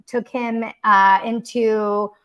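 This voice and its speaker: A woman's voice: fairly high pitch, steady tone, takes it slowly, clean tone, lo-fi sound. Giggly, chatty young woman host. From Mexico City, raised in the Bay Area. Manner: chatty, giggly, rambling with many fillers. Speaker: podcast host. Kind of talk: casual livestream chat.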